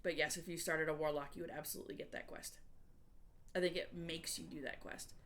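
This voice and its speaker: A woman's voice: deep voice, steady tone, brisk, a bit bright. A woman game streamer chatting casually with viewers and explaining things in a conversational way. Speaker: variety gamer and streamer.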